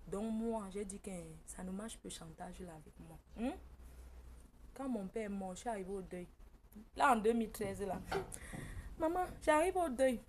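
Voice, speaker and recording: A woman from Cameroon speaks, recounting a personal story to her viewers as a casual monologue. Her delivery is emphatic and she acts out what her relatives said, with her voice sitting at an ordinary middle pitch. A faint noise sits under her voice. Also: normal speed, long pauses, a little mellow. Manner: emphatic, tells the story by quoting family members, often breaks into laughter. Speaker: vlogger.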